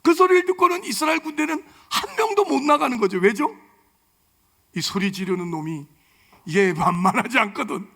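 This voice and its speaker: High, gravelly pastor preaching. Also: male voice, moderate pace. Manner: animated, acting out stories, joking with congregation. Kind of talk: sermon. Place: church sanctuary.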